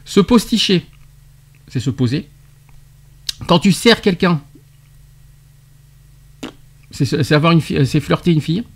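Un animateur de radio qui interroge son invité en expliquant de l'argot, avec entrain et des rires. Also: male voice, on the high side, lively intonation, moderate pace, husky. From France. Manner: quizzing, explaining slang terms with laughs. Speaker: radio show host. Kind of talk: radio debate segment.

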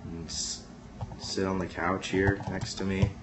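A man chatting casually to camera, rambling and halting as he describes a friend. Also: low voice, level tone, noisy background.

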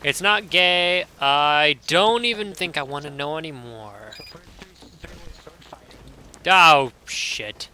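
A young man casually commentating his own gameplay, excitable and swearing, yelping out loud as things happen. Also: fairly high pitch, slow pace, long pauses, slight background noise. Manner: excitable, swearing, yelps and reacts loudly.

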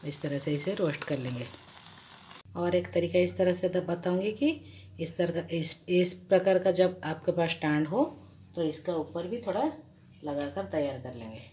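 A woman with a low voice talks the listener through a home recipe, slow and patient, pausing and restarting as her hands work. The kitchen is noisy, with clear sizzling and frying behind her. She sounds like she is speaking off-camera above the stove. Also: mellow. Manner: slow, patient explaining with many pauses and restarts. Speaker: cooking vlogger. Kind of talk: step-by-step cooking instruction. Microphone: camera above the hands, speaker off-screen.

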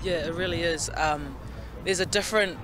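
A woman's voice: on the low side, moderate pace. A young woman rugby player from Fiji, answering thoughtfully in an outdoor interview with a handheld mic. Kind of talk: casual interview. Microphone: handheld reporter mic.

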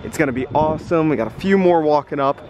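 Against a noisy background, a man with a fairly high voice speaks quickly with lively intonation, chatting to "guys" watching his shopping vlog. He's a reseller on a thrifting run, keeping up casual commentary in thrift stores and parking lots, captured by a handheld camera mic.

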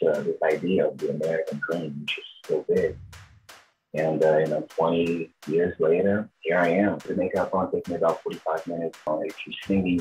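A Brazilian man in his thirties, a native Portuguese speaker with a Brazilian accent, gives informal interview answers as a tribute show performer. His voice is low-pitched, and the low-quality recording has a little hiss or hum.

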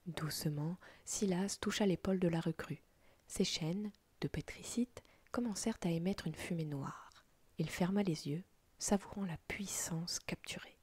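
Breathy whispering woman telling a story. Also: lowish voice, dry recording. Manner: soft, slow storytelling in a whisper. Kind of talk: whispered role-play.

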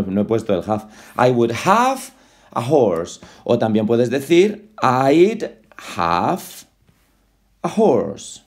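A man giving a casual English lesson at home. He repeats words again and again, corrects pronunciation and drops chatty asides about being in a hurry. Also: medium pitch. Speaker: English teacher. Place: home with a dog.

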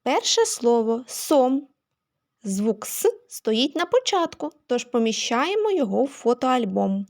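A woman teacher giving a phonics lesson to young children, slow and careful, stressing each sound she names. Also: a little high, big pitch swings.

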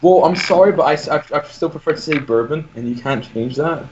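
A man's voice: fairly high pitch, brisk, lo-fi sound, noisy background. A young man co-hosting a podcast, argumentative and gloating in casual chat. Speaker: podcast co-host.

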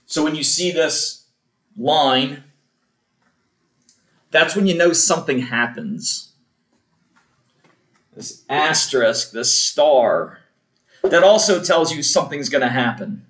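A man's voice: on the high side, animated, slow pace, pauses often, a bit bright. A man serving as church cantor, patiently explaining things step by step to a congregation. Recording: roomy echo.

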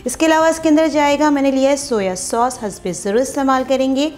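A woman's voice: high-pitched, steady tone, brisk. A woman walks viewers through a recipe step by step in her home kitchen while cooking. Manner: step-by-step explaining while cooking, frequent "dekhein" asides. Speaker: cooking channel host. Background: soft background music and frying sizzle.

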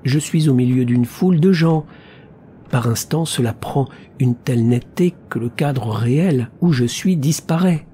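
A man reading an audiobook, voicing a troubled young woman who describes her visions in a soft, submissive, wide-eyed way, slightly higher than his own voice. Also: unhurried, slight background noise, natural voice. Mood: dreamy unease.

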